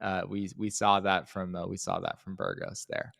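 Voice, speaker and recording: A man's voice: deep voice, sing-song, moderate pace, gravelly, a bit bright. A man co-hosting a casual sports talk show, easygoing and joking. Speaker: podcast co-host.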